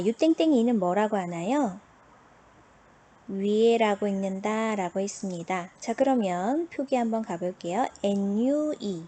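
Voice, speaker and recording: A woman teacher talks over her lesson slides in a slightly high, mellow voice with a husky edge. She asks the class a question and then answers it herself, at a patient pace. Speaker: Chinese language teacher. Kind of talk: online classroom lecture.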